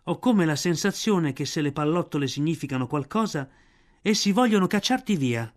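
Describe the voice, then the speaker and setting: A man voicing an old, calm and wry wolf in an audiobook. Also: on the high side, moderate pace, natural voice.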